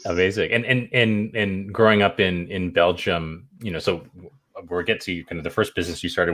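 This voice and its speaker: A man hosts a casual interview show, speaking eagerly and packing his talk with fillers, especially "you know." His voice is deep and a bit bright, with no echo.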